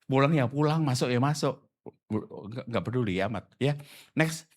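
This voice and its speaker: A male pastor giving a conversational sermon, animated and quizzing his congregation with quick questions. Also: mid-range voice. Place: church service.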